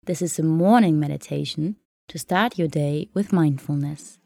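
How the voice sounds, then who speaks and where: A woman guiding a meditation in a soft, soothing, unhurried way, leaving long pauses between phrases. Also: deep voice, vocal fry, dry recording. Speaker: meditation guide. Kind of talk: guided meditation narration.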